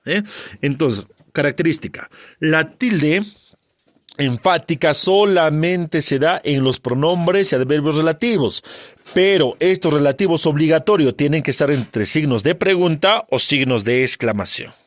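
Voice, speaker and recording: A man's voice: a little high, lively intonation, unhurried, fairly bright tone, no echo. A male teacher giving a spelling lesson, constantly quizzing with rhetorical questions and short checks for understanding. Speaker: grammar teacher.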